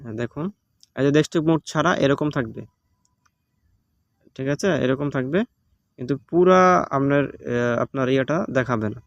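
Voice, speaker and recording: A man's voice: mid-range voice, normal speed, vocal fry, long pauses, no echo, lo-fi sound. A man with a Bangladeshi Bengali accent giving a casual step-by-step app tutorial, patient and repetitive, with many fillers. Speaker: tutorial host. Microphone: phone recording.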